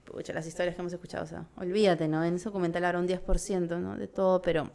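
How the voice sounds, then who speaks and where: Smooth-voiced Peruvian woman, rambling. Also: on the low side, level tone, fast talker, a little mellow. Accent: Peruvian Spanish. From Peru. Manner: rambling, full of tag questions and restarts. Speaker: documentary filmmaker guest. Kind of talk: casual interview chat.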